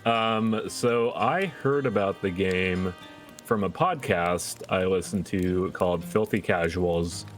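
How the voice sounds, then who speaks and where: A man speaking as a guest streamer in a relaxed, conversational way. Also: deep voice, takes it slowly, soft background music. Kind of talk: casual chat.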